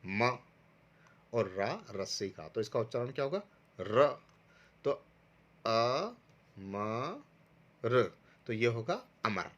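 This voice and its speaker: A man's voice: medium pitch, sing-song, moderate pace, highs cut off. A man teaching a recorded online lesson to first graders, patiently going step by step and sounding out syllables for pupils to repeat. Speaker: primary school teacher.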